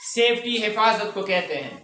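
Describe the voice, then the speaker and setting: A man's voice: high-pitched, expressive, normal speed, pushed and bright, a little hiss or hum. A man teaching a pronunciation lesson to a class, stretching words out syllable by syllable and quizzing the students. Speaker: English teacher. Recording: very echoey room, voice from far off.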